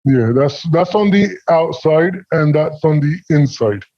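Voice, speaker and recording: A man's voice: a little high, expressive, a little slow, muffled recording. A man with a British accent giving casual, rambling interview answers over a video call, full of fillers and repeats. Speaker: interview guest, former call center scammer.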